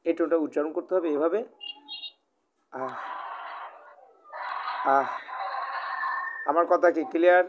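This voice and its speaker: A man with a Bangladeshi Bengali accent leads a live online Chinese lesson, speaking in a somewhat raised voice. He is patient and explains things twice, rephrasing as he goes and filling pauses with "ah". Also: a little high, flat delivery, muffled recording, background noise. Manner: patient, repeats and rephrases, many "ah" fillers. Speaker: Chinese language teacher. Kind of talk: live online language class, oral exam.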